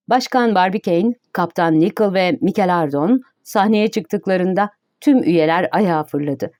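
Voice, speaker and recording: A woman narrating an audiobook in a steady, even reading voice. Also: lowish voice, no echo, studio quality.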